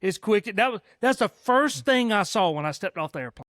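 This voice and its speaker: A man's voice: sits high, very animated, brisk, fairly bright tone, no room sound, studio quality. A man hosting a podcast, chatting casually in a rambling, emphatic and profane way. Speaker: podcast host. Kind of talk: casual chat.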